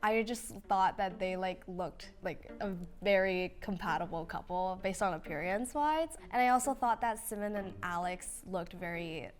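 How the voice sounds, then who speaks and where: A woman's voice: mid-range voice, normal speed, few pauses. A nineteen-year-old woman chatting casually on a dating show, peppering her talk with "like". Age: teens. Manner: talkative, lots of likes. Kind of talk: casual group chat.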